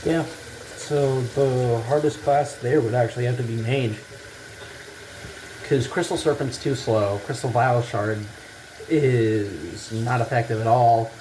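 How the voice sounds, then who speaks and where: Rambling man over clear background noise. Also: medium pitch, slow, darkish tone, rough recording. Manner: casual, rambling, hesitant thinking aloud. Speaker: gaming video maker. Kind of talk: rambling unscripted game commentary.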